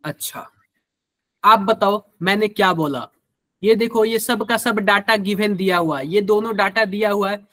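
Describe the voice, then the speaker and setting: High-voiced Hindi-speaking chemistry teacher. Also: male voice, measured pace, a bit bright, dry recording. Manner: asks the class questions, everyday examples. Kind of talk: live online class.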